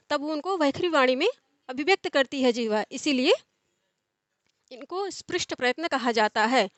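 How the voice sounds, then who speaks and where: A young woman gives a Sanskrit grammar lesson in a high, bright voice. She explains step by step, circling back to rephrase each term. The sound is dry and close, with no room around her. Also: no echo. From India. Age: young adult. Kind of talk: explanatory lecture.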